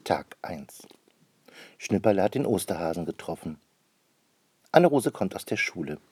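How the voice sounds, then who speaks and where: A man narrating a children's storybook in a gently expressive reading. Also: sits low, fairly quick, husky.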